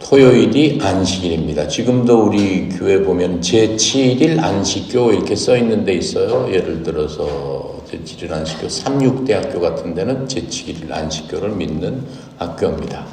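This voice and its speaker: Male pastor, deep voice, teaching sermon with questions to the room; recorded distant in a reverberant hall. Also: animated, moderate pace, hardly any pauses, darkish tone, slight background noise. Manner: asks the congregation questions, explanatory teaching. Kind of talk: Bible reading and sermon. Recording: echoey hall, voice from far off.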